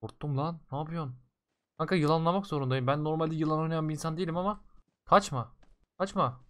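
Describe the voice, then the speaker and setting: Young male game streamer, casual slangy commentary, jumps from yelling to muttering, talks straight to viewers. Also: fairly high pitch, quick pace. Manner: excitable, swings between loud outbursts and muttering.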